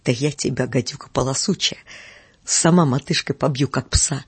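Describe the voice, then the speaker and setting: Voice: medium pitch, normal speed, husky, no echo. A reader voicing an old woman teacher who shrieks curses and accusations at a neighbor. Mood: shrieking. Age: older. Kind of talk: audiobook character reading.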